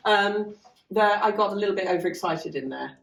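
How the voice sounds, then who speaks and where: Fairly quick and gravelly, with a mid-range pitch, this podcast guest chats about the farm where she runs a learning hub, rambling and throwing in self-deprecating remarks. Sound comes from a half-open converted cart lodge, echoey and picked up from afar.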